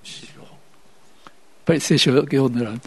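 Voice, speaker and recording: A man's voice: medium pitch, a little fast, vocal fry, a little hiss or hum. A man preaching a sermon, playfully asking the congregation questions as he goes. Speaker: pastor. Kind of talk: interactive sermon.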